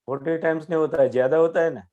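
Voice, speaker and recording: Gujarati accent guy, gentle satsang teacher, keeps asking if you got it. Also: a little high, steady tone, rapid-fire, dull audio. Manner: patient, repeats "understood?" checks. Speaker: spiritual teacher.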